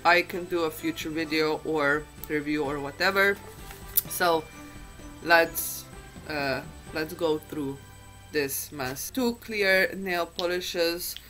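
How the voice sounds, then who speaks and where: Slow, groggy-voiced woman vlogger. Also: deep voice, a bit bright, soft background music, low-quality recording. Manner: chatty, unhurried, self-deprecating. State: just woken up, groggy morning voice. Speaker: beauty vlogger. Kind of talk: casual chat to camera.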